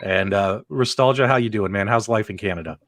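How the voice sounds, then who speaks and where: Speaking in a lowish, fairly bright voice at a slightly quick pace, this host chats and laughs his way through a casual livestream about video game movies, with frequent filler words. The sound is clean studio audio with no echo.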